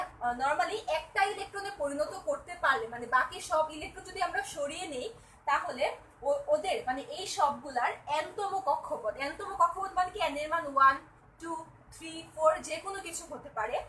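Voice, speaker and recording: A woman's voice: sits high, sharp tone, echoey room, distant mic, slight background noise, low-quality recording. A young woman teaching a chemistry class live online, repeating each step and often asking whether the students follow.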